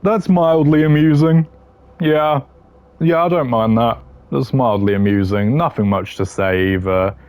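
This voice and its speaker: A man's mid-range voice, a little slow, slightly mellow and smooth, comes through with the highs cut off. He's a gaming content creator ranking voice lines, giving casual, opinionated takes in a blunt, dismissive way with dry humour.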